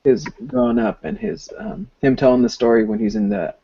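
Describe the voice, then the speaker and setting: A man's voice: medium pitch, sing-song, fairly quick, vocal fry, slightly rough. A man hosting an online group discussion, talking in a rambling, hesitant way. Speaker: host. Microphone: video call. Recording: dull lo-fi voice-call audio.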